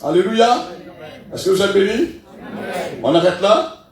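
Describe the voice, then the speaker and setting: This high-voiced, middle-aged pastor speaks at a measured pace, making church announcements despite a cold. Leading the meeting, he chats, hesitates with fillers, and keeps adding "hein," captured from far away in a very echoey church hall.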